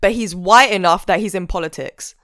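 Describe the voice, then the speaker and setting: A woman's voice: medium pitch, fairly quick, a bit bright. A woman chatting casually, joking in slang and acting out mock quotes. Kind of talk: casual chat.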